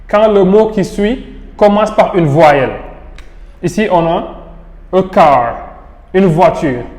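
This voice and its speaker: Slow, echoey teacher. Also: male voice, fairly high pitch, darkish tone. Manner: patient, repeats each rule and example slowly. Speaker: English teacher. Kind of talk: French-language pronunciation lesson. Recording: echoey room with long reverb.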